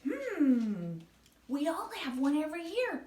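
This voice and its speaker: A woman's voice: sits high, huge pitch swings, slow pace, a little mellow. A woman hosting a kids show, talking to young children in a sing-song, exclaiming manner. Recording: echoey room, distant mic.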